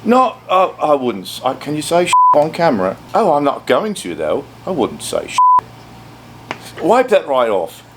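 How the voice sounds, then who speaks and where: This high-leaning male voice swings hugely in pitch, moves at a moderate pace, and comes through a very noisy recording. He's a studio producer in a casual interview chat, making dry jokes and wandering off into rambling asides.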